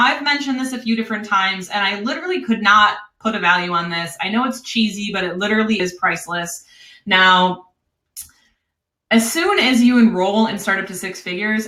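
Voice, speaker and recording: A woman with a Wisconsin accent and a bright, forceful voice hosts a live webinar, pitching an online course. She's upbeat and chatty, laughing often, and the sound is roomy.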